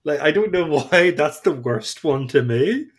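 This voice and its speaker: A man's voice: on the high side, expressive, a little slow, breathy edge. A man in casual chat who laughs often, mimics silly voices and swears casually.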